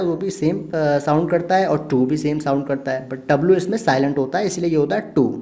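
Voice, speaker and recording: Mellow-voiced man teaching pronunciation. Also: a little high. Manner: patient, repeats words slowly to model sounds. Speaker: English teacher. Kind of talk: explaining pronunciation to kids.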